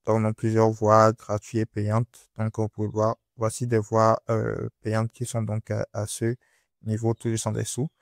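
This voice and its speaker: Male tutorial presenter, lowish and flat in pitch, halting unscripted explanations, close dry voice-over. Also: gravelly, no room sound. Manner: hesitant, repetitive step-by-step explaining. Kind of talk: unscripted screen-recording software tutorial.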